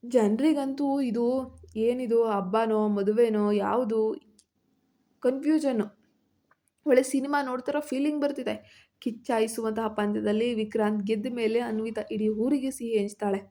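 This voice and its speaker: A woman storyteller narrating a dramatic family story in an expressive way. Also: fairly high pitch, normal speed.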